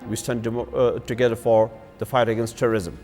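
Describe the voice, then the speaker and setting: A man giving an unscripted statement in a halting way, with restarts and pauses. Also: mid-range voice, little pitch movement, a little mellow, faint music behind.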